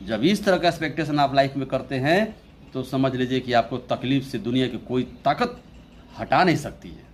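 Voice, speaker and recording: A young man teaching an English poem in Hindi as an Indian English speaker, talking slowly, repeating his phrases and reading the English lines very slowly. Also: mid-range voice, slight background noise. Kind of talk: Hindi poetry lesson explaining a poem.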